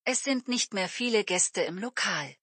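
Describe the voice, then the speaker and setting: A woman's voice: medium pitch, animated, a little slow, fairly bright tone, husky, dry recording. A woman voicing a young barmaid who speaks fondly to a small dog, in an audiobook story for language learners. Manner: coos affectionately at a dog.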